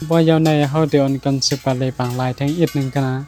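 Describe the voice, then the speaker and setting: A man with a Shan accent narrating his own travel vlog in an even tone. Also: medium pitch, racing, over music. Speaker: vlogger.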